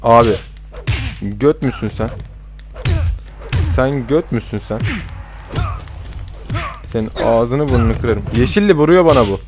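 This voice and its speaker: A young man talks over his gameplay from a home setup, loud, rowdy and swearing at the characters on screen. His voice sits at an ordinary middle pitch for a man. Faint music plays underneath. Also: expressive, measured pace, pauses often. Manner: rowdy, swearing, trash-talking the game characters. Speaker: gameplay commentator. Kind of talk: casual let's-play commentary.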